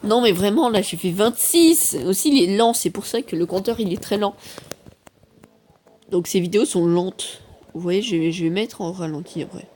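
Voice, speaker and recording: A man's voice: sits high, normal speed, a little mellow, a little hiss or hum. A man giving casual commentary over his mobile gameplay, rambling and poking fun at himself, recorded on a phone microphone. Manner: rambling, self-mocking, many fillers. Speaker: mobile game YouTuber. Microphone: phone microphone during screen recording.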